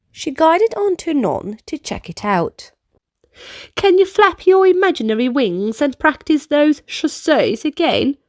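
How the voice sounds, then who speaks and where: A woman narrates a storybook for young listeners and shows them dance movements, speaking in an instructive, clearly paced style. Her voice is high, and the studio sound is clean and dry.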